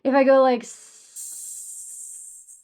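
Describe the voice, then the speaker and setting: Unhurried and a little mellow, a woman's voice on the high side carries a casual livestream chat with viewers. She swears, runs herself down, and hits her S sounds harshly and sibilantly. The recording, made on a streaming mic with EQ and compressor, is muffled and dull.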